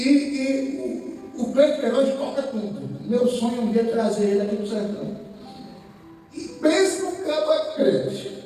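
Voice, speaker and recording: A man preaching a sermon, telling a story that builds to shouted emotional peaks. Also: extremely high pitch. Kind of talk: sermon testimony. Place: large echoey church hall. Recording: echoey church hall from far off, faint music.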